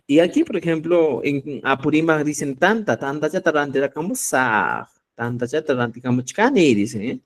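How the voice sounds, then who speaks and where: Peruvian man, online language teacher, patient demonstrator, very animated intonation. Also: on the high side. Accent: Peruvian Spanish. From Cusco, Peru. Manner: explanatory, checks in with listeners; demonstrates sounds slowly. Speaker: Quechua teacher. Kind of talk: live online language class.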